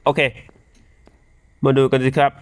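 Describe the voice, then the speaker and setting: A young man giving casual, excitable commentary while playing a horror game, swearing and talking back to the game's monsters. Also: measured pace, dry recording. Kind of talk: casual let's-play commentary.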